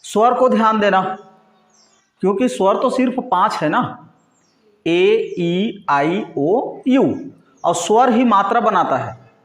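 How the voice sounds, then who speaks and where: A man teaching a class slowly at a board, asking questions and answering them himself, with frequent checks that the class is following. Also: high voice, animated, echoey room. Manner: frequent "ठीक है" and "है नी" check-ins.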